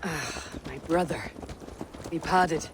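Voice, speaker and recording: A man voicing a steady Viking clan leader in video game dialogue, speaking in a grave, measured way. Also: fairly high pitch, big-room sound, background noise.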